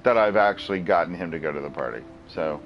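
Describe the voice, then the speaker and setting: A man's voice: low-pitched, quick pace, highs cut off, faint music behind. A man streaming a video game, making playful, jokey asides in casual commentary. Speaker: livestream gamer. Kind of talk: casual let's-play commentary.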